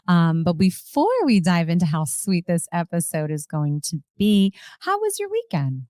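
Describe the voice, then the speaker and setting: A woman's voice: on the low side, big pitch swings, moderate pace, dark tone, no echo, clean studio sound. A woman hosting a podcast in a casual, upbeat, chatty way, enthusing about products. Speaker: podcast host. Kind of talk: casual chat.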